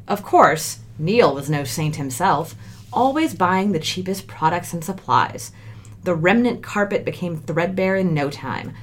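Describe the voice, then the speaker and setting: Expressive low-voiced woman narrator. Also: unhurried. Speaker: story narrator. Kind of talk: scripted narration.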